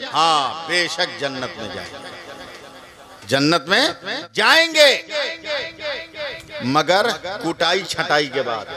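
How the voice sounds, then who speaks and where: A man from West Bengal preaching a religious sermon at an open-air gathering, talking slowly, repeating himself, quizzing the crowd and joking between points. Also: sits high. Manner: slow, repetitive, asks the crowd questions, joking asides. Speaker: Islamic preacher. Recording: live sermon over loud crowd noise.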